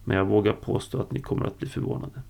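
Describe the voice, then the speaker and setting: A man voicing a deep-voiced, brooding exiled king. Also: creaky, dark tone. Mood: calm, scheming. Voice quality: deep, low voice.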